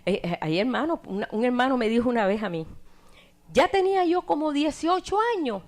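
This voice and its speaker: Animated woman preaching a sermon. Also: fairly high pitch, fairly quick. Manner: animated, swings from loud emphasis to near-whispered asides.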